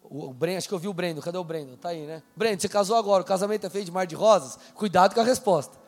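A man preaching a sermon in a casual, conversational way, slowing down to read scripture aloud. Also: high-pitched, in a large hall. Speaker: pastor. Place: church hall.

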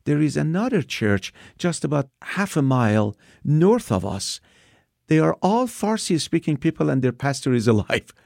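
Kind elderly woman, quoted by a man with a Persian accent, lifted pitch, gravelly. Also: sing-song, moderate pace, darkish tone, no room sound, clean studio sound. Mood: kindly.

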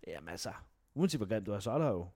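A young man from Denmark telling stories in a casual chat, animated, swearing and mocking himself. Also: lowish voice, dry recording, studio quality. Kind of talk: casual podcast storytelling.

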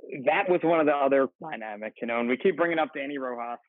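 A man's voice: medium pitch, fast talker, no room sound. A man, a firefighter, chatting casually as a podcast guest, rambling with frequent laughs and restarts. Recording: dry tinny phone-like line.

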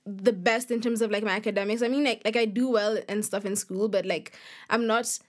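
A young Kenyan woman, a young author, is interviewed as a podcast guest, speaking fairly quickly in a steady, mid-range voice. She keeps things casual, hesitates a little, and says "like" a lot.

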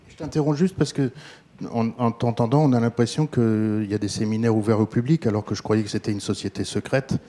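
A man's voice: lowish voice, steady tone, a little fast, mellow. A man opening a festival session, thanking guests with some hesitation. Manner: hesitant with fillers. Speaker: festival organizer. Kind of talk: welcome speech.

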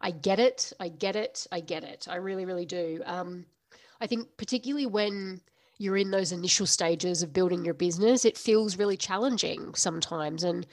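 A woman podcast host with a fairly low, slightly nasal voice speaks at a moderate pace, her nose stuffed up after the flu. Recorded in a clean studio with no room sound, she gives an unscripted business monologue, frank and straight-talking, laughing often.

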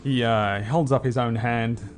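A man narrating a tabletop game as game master, haltingly searching for words. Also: medium pitch, fairly even intonation, faint music behind.

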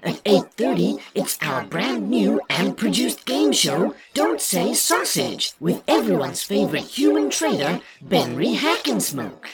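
Someone playing a gravelly TV announcer. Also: mid-range voice, very animated, unhurried, hardly any pauses, over a noisy crowd. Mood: promotional. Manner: promo announcer read. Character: smarmy TV channel announcer. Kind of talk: mock TV continuity announcement.

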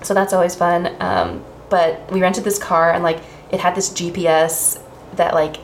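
A woman's voice: on the low side, steady tone, moderate pace, vocal fry. A woman in her twenties, a stand-up comedian, telling casual stories with plenty of swearing. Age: 20s. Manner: chatty storytelling, swears freely. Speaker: podcast guest, stand-up comedian. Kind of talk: casual chat. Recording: echoey room with faint noise.

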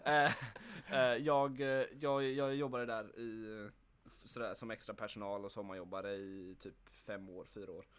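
A man's voice: fairly low pitch, fairly even intonation, fairly bright tone, smooth. A young adult man hosting a podcast, chatting casually and rambling with many fillers and restarts. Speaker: podcast host. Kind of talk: casual chat.

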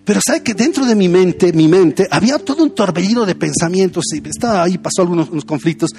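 A man's voice: sits high, animated, quick pace, creaky, darkish tone. A young man, a pastor giving a conversational sermon full of personal stories. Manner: conversational, anecdotal preaching.

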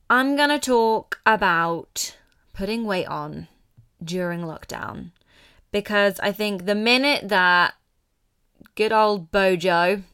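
A woman's voice: medium pitch, fairly bright tone, clean tone, dry recording, studio quality. A British woman hosting a solo podcast, talking informally and candidly with an emphatic, motivational manner. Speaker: podcast host.

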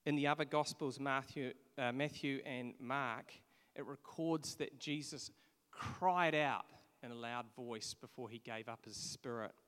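A man's voice: medium pitch, fairly even intonation, unhurried, a bit bright, clear, resonant tone. Man preaching in an echoing hall. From England. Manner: earnest, conversational with restarts. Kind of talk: sermon. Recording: long echo of a large hall.

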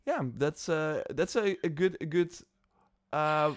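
A man's voice: on the high side, takes it slowly, smooth. A man from the Netherlands hosting a podcast, talking casually with lots of fillers and restarts. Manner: chatty, loose, many fillers and restarts. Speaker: podcast host.

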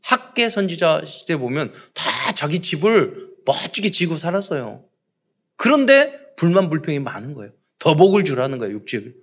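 A man's voice: fairly high pitch, very animated, normal speed. A man preaching a sermon to his congregation, asking rhetorical questions and acting out parents and children. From South Korea. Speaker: pastor.

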